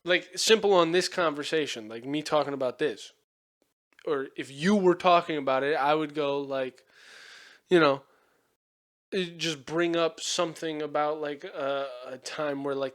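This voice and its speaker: A man's voice: fairly high pitch, unhurried, a bit bright. A young man hosting a casual podcast chat, rambling with lots of fillers and frequent swearing. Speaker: podcast host.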